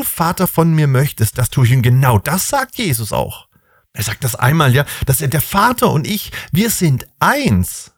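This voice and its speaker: A man's voice: mid-range voice, husky, dry recording, clean studio sound. A man hosting a Bible podcast, teaching in a casual, reflective way and asking rhetorical questions.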